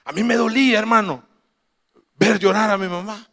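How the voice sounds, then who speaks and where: A man preaching to his congregation in a high voice, with lots of reverb trailing after each phrase. He tells stories and acts out the people he quotes, with laughing asides in between. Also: fairly even intonation, normal speed, gravelly, a bit bright. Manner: storytelling, quoting his mother, laughing asides. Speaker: pastor. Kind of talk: sermon.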